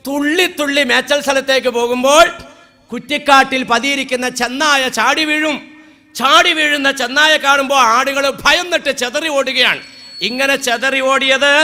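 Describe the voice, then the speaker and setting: High, bright-voiced preacher man in his fifties. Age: 50s. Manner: dramatic, wailing impressions and chanted Arabic verses. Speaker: Islamic preacher. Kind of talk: humorous sermon.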